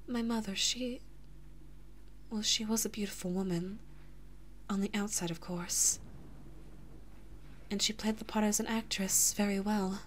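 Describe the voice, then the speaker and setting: Playing a devoted, anxious big-sister princess and lover in an intimate audio roleplay, a woman speaks softly and haltingly in breathy, emotional whispers. Her medium-pitched voice, with a slight hiss or hum, is close to her everyday one, and she sounds subdued and bitter.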